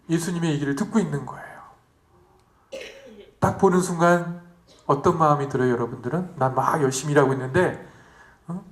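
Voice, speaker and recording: Male priest, higher-pitched voice, playful retreat preaching with many questions to the congregation, roomy echo. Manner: lively, asks the audience questions, acts out the story in quoted voices. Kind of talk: retreat sermon.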